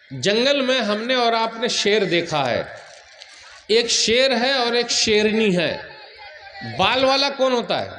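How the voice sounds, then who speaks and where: A male Islamic preacher delivering a sermon to a large gathering, teasing the crowd with questions and reciting hadith quickly. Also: sits high, fairly bright tone, slight background noise. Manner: asks the crowd questions, jokes and teases.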